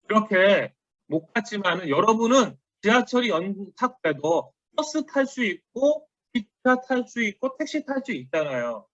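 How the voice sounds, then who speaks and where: A middle-aged man lectures in a conversational way, quoting others as he goes. His voice rises and falls a lot, sitting a little high. The recording is dry and somewhat dull. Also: no echo. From South Korea. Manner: conversational, quotes others, lively emphasis.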